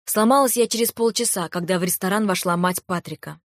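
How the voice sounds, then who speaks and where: Calm woman narrating an audiobook. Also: mid-range voice, a little fast, no echo, clean studio sound. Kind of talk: first-person audiobook narration.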